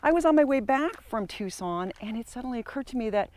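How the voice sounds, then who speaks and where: A woman's voice: a little high, animated, fast talker, darkish tone. A woman in her sixties talking casually while walking outdoors through a campground, in a chatty, reflective way. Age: 60s. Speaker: travel vlogger. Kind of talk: casual vlog monologue.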